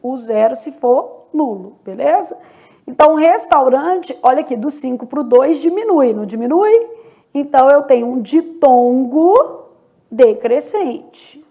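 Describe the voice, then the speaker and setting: A woman's voice: high-pitched, expressive, measured pace, dark tone. A woman teaching Portuguese in an online lesson, explaining step by step and often checking in with the viewer. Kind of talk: online exam-prep lesson.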